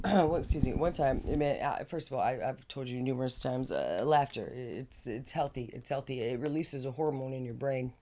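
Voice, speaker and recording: Gravelly, deep-voiced woman vlogging casually. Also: warm tone. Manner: rambling and slangy, says man and dude; chatty with frequent fillers and laughs. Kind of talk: casual self-help vlog talk.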